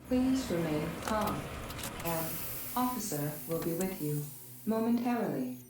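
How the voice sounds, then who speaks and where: A woman voicing a calm female ship computer that makes slow, soothing announcements through a distant echoing ship speaker. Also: on the low side, music in the background. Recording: echoey, distant game audio.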